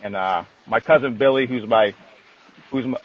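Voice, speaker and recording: A man's voice: mid-range voice, moderate pace. A man chatting casually as an interview guest, candid and colloquial with some swearing. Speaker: interview guest, dog trainer. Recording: thin phone-like line.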